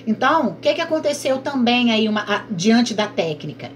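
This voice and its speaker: A woman teacher leads an online class, her voice a touch higher than most. She explains patiently and often asks and answers her own questions. A faint noise hangs under the recording. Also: sing-song, moderate pace.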